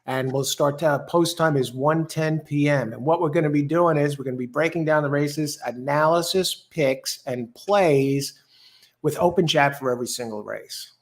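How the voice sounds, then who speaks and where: A man's voice: a little high, normal speed. A man hosting a casual live horse racing show, chatting through picks and greeting listeners. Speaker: host.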